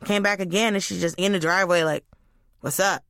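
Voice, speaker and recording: A woman telling stories in a casual chat, animated, jumping into high squeaky voices for the people she quotes. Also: fast, vocal fry, no room sound, studio quality. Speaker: guest.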